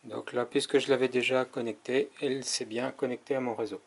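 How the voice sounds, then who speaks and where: A man's voice: mid-range voice, level tone, a little fast, gravelly, husky. A man giving a casual hands-on product demonstration as a tech reviewer, explaining step by step with frequent hesitations.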